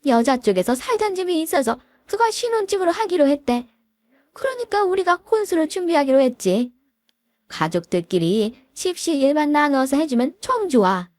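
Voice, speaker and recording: A domineering older mother-in-law who nags and sneers, as a woman reading a story puts her on. Her pitch is raised and swings freely in a scornful singsong. The voice is dry and close. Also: very animated, moderate pace, a little mellow, no room sound. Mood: nagging. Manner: scornful, nagging.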